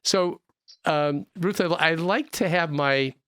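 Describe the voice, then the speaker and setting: A man's voice: a little high, slow pace, a bit bright, smooth, no room sound. A man in his sixties hosting a podcast from a small studio, talking earnestly and repeating himself with many restarts. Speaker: podcast host. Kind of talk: podcast interview. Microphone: studio mic with headphones.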